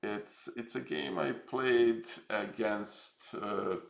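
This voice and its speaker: Slow, gravelly Serbian-accented man. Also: medium pitch, roomy sound. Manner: halting, many fillers, reflective. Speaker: chess streamer. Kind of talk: live-stream game review.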